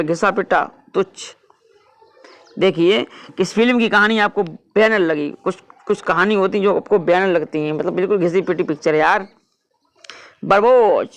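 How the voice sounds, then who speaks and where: High-pitched male teacher. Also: a bit bright, no echo. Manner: repeats words, reads English examples slowly. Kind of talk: vocabulary lesson.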